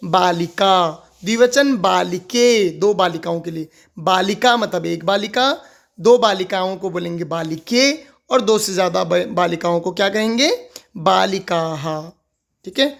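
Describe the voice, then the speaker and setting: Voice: mid-range voice, creaky. A teacher explaining a grammar lesson, asking questions aloud and answering them, repeating each key word several times. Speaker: Sanskrit teacher.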